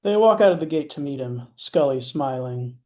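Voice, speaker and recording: Man with a dark, mellow narrating voice. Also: fairly high pitch, expressive, moderate pace. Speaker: narrator reading stage directions. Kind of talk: scripted narration.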